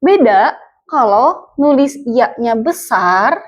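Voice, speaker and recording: A young woman, patiently teaching a language lesson and repeating sounds slowly for learners. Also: on the high side, expressive, highs cut off. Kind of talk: explaining lesson to viewers.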